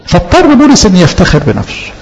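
A man's voice: sits high, huge pitch swings, quick pace, big-room sound, highs cut off. A man with an Egyptian accent preaching a sermon, impassioned, asking rhetorical questions and voicing the people he quotes. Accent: Egyptian Arabic.

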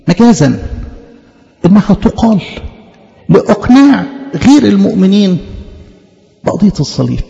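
A man's voice: high voice, vocal fry, mellow. A man with an Egyptian Arabic accent preaching a teaching sermon, arguing through rhetorical questions and emphatic repeated denials. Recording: echoey hall, dull lo-fi sound.

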